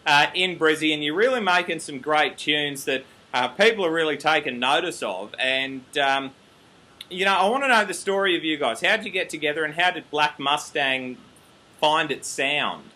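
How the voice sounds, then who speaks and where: Bright high-voiced Australian host. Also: male voice, moderate pace. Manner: upbeat, joking, chatty. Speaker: interview host. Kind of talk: casual chat interview.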